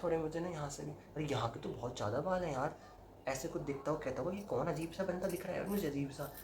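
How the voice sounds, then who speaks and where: A man's voice: a little high, fast talker, noisy background. A young man chatting casually to camera while he cuts his own hair at home, mixing Hindi with English and breaking into dramatic yelps and laughs. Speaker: vlogger. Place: indoors at home, roomy. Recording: echoey home room.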